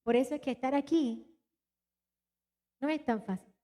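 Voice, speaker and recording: A woman pastor from Puerto Rico preaches animatedly in a church hall, addressing her congregation directly during a live sermon and announcements. Her voice is high with a dark tone at a moderate pace, and her accent is mixed Latin American Spanish with a little Puerto Rican.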